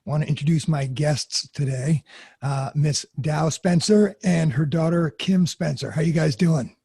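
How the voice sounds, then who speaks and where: A male podcast host with a gravelly, very husky voice chats loosely with his guest. His tone is dark and somewhat raised in pitch, recorded dry and close with little room sound. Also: measured pace, no room sound. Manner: loose and chatty, with fillers and restarts. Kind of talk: casual interview hosting.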